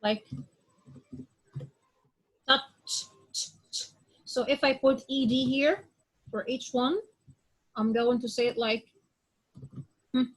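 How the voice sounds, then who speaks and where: A woman's voice: sits high, steady tone, slow, pauses often, breathy edge, rough recording. A woman teaching English pronunciation in class, drilling example words one by one and often checking with "okay?". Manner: drills word sounds aloud one at a time.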